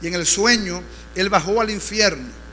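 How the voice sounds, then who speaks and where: A man's voice: high-pitched, normal speed, sharp tone. A man with a Dominican accent, a pastor preaching a fervent sermon with rising exhortations in a church. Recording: reverberant church hall, faint hum.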